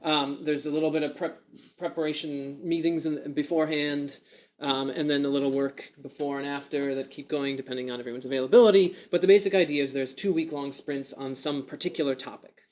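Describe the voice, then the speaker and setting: Higher-pitched man giving an informal lightning talk. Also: steady tone, a little fast, a little mellow. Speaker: conference speaker.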